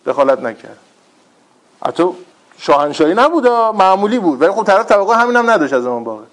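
A man preaching in a lively storytelling way, with rhetorical questions and wry humor. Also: high-pitched. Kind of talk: religious talk with retold stories.

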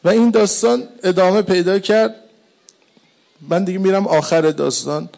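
A man preaching a mourning sermon, chanting Arabic quotations slowly before explaining each one in everyday speech. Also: medium pitch, darkish tone.

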